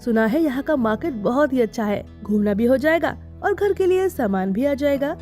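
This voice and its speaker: A woman voicing a chatty, stubborn young wife in an animated story. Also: high-pitched, moderate pace, faint music behind. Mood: cheerful. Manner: chatty, teasing, defiant.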